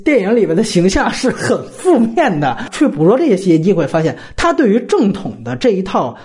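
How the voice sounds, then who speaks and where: Animated man in a film-talk podcast. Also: high voice, a little fast. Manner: animated, explains at length, acts out quoted lines. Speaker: podcast host, film critic. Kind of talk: casual film discussion.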